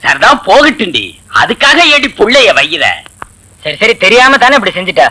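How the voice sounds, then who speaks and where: An actor playing a village father who tries to calm his shouting wife and defends their daughter. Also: high voice, normal speed, no echo, full character voice, low-quality recording. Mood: placating. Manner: placating, scolding gently. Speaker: film actor. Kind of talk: 1980s film dialogue.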